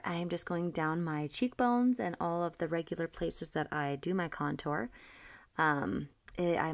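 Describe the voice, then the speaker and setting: Low-voiced woman narrating makeup in a car. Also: gravelly. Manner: relaxed step-by-step explaining while applying makeup. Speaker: makeup vlogger. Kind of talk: casual makeup tutorial narration. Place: inside a parked car, daylight. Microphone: phone camera close up.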